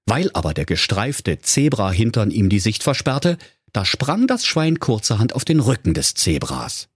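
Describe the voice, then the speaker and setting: A man's voice: lowish voice, wildly swooping pitch, moderate pace, slightly rough, no room sound, clean studio sound. A man narrating a comic fairy tale in an ironic, playful way. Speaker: storyteller.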